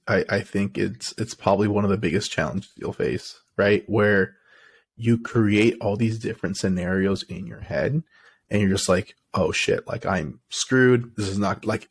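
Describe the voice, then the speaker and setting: A young man with a slightly low, husky voice gives blunt advice in a casual podcast chat. He talks in an animated way, often slipping into quoted inner voices to make his point. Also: measured pace. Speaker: podcast co-host.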